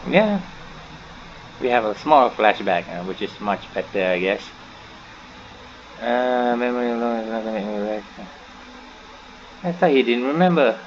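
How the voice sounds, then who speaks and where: A gaming YouTuber gives casual playthrough commentary, rambling and half-mumbling the on-screen text aloud. His mid-range voice is expressive at a moderate pace, with frequent pauses, and the home recording sounds dull and noisy.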